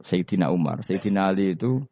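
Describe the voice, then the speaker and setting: A man's voice: sits low, lively intonation, fairly quick, mellow, no echo, lo-fi sound. A man in his fifties with a Javanese accent, an Islamic cleric giving a religious lecture with stories, mixing languages, quizzing the audience and often chuckling. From Indonesia. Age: 50s.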